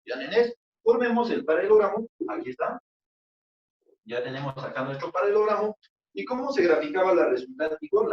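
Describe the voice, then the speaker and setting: A man's voice: a little high, muffled recording. Peruvian man teaching, roomy distant sound. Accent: Peruvian Spanish. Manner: coaxing, repeats and asks questions to students. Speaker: physics teacher. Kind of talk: online class lecture.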